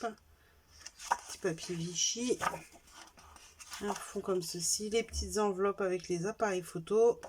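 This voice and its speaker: A French-accented woman talks through a craft haul, naming each item in turn and catching her own slips. Her voice sits at a middle pitch for a woman. Faint background noise and small clicks run under the recording. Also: fairly even intonation, unhurried, long pauses. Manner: chatty, self-correcting, lists items one by one. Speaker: craft vlogger showing purchases. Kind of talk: casual show-and-tell haul.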